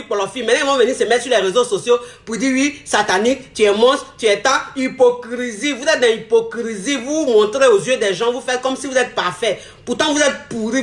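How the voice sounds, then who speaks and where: A woman, ranting emphatically to her viewers in a repetitive, mocking tone with frequent laughs. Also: a little high. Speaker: vlogger. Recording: roomy echo.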